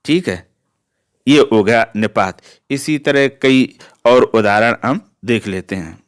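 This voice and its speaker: A man's voice: mid-range voice, slow. A man teaching a Hindi grammar lesson, explaining step by step and asking himself rhetorical questions.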